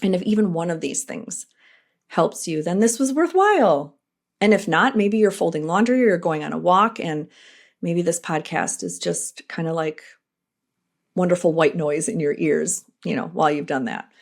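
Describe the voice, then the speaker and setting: Earnest, low-voiced woman podcast host. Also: normal speed, gravelly. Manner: earnest, animated, many restarts and asides. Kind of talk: personal reflective monologue.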